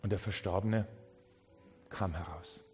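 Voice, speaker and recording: A man's voice: low voice, steady tone, measured pace, darkish tone, soft background music. A man preaching a sermon with passion, often acting out the people he quotes. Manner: passionate, acts out quoted speech, many restarts.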